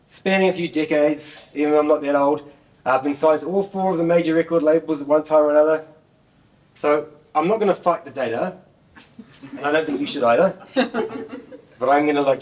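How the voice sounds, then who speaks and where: A middle-aged man with a New Zealand accent gives an informal tech talk in a joking, self-deprecating way, often repeating words. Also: a little high. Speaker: software developer giving a talk. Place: indoor meeting room, standing at a laptop beside a screen. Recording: distant room microphone.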